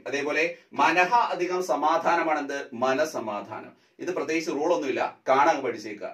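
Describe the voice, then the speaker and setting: A male teacher giving an exam prep lesson, drawing out each word part slowly as he drills the rules. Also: fairly high pitch, fairly bright tone, reverberant, distant mic. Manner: slow, drawn-out drilling of word parts.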